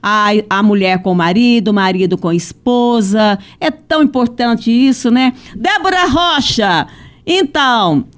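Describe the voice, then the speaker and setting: A Brazilian woman moderates a church podcast with a fairly high voice. She affirms what her guests say and keeps tagging her lines with "né?". Her tone is conversational and encouraging. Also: lively intonation, unhurried, clean tone. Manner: affirming, warmly interjecting "né?".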